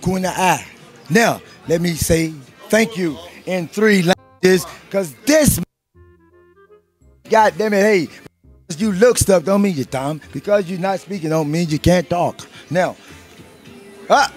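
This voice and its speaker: A man, loud and profane, taunting in a sing-song way during a street interview. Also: sits high, slow, faint music behind. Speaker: passerby being interviewed.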